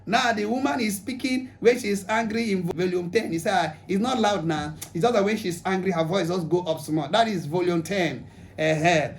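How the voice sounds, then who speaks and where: A man's voice: sits high, a little fast, a little hiss or hum. A man with a Nigerian accent giving a humorous relationship talk to an audience, slipping into pidgin and acting out little scenes. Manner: humorous, mixes pidgin, acts out quotes. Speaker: relationship speaker.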